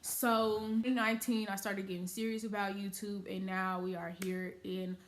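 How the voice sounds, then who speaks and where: A woman's voice: mid-range voice, flat delivery, normal speed. A woman in her early twenties talking casually to her viewers in a vlog, saying "like" often. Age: early 20s. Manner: chatty, uses "y'all" and "like" often. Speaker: YouTuber.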